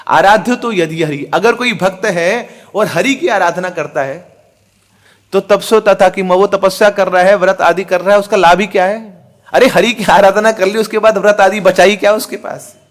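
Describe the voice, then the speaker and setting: A man's voice: sits high, steady tone, normal speed. A middle-aged man giving a spiritual discourse, asking rhetorical questions, chanting verses and mixing in English words. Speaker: spiritual teacher. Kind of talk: Hindi religious discourse.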